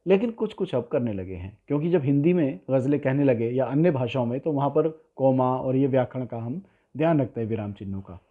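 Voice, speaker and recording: A man giving a spoken poetry lesson who explains patiently and slowly repeats example lines word by word. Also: mid-range voice, lively intonation. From India. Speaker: poetry teacher. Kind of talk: spoken lesson on ghazal writing. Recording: tinny phone-like sound.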